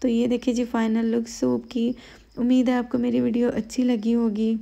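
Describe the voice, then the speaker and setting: A tired woman from Pakistan with a Pakistani Urdu accent, talking slowly and quietly through her cooking vlog voice-over at home late at night. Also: a little high, level tone, gravelly. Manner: slow, quiet, unhurried talk, full of "you know" fillers. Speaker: vlogger.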